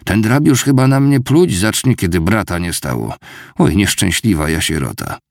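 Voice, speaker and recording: A fussy, self-pitying old aunt who whines and laments, as a man raises his voice for her. The tone swings widely, with a gravelly grain underneath. Close and dry. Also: on the low side, lively intonation, normal speed, dry recording, voice pushed up. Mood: whining lament. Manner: whining, lamenting.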